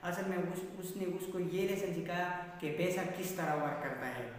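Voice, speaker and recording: Man, fairly high voice, earnest explainer, long hall-like reverb, faint hiss. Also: moderate pace. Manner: earnest, explanatory, repeats and rephrases points. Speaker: self-improvement vlogger. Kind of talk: casual talking-head book summary. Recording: very echoey room, far from the mic, faint hiss.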